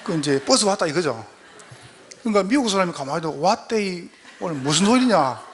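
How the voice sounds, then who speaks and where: A man's voice: sits high, animated, fairly quick, a little hiss or hum. A man with a Gyeongsang accent, a pastor giving a folksy, joking lecture at a training session. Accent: Gyeongsang dialect.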